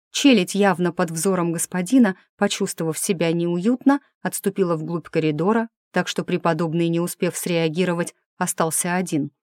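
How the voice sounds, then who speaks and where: Woman reading an audiobook, wry and ironic, kinda low voice, super dry mic. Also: a little mellow, no echo. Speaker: audiobook narrator. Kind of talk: scripted first-person audiobook narration.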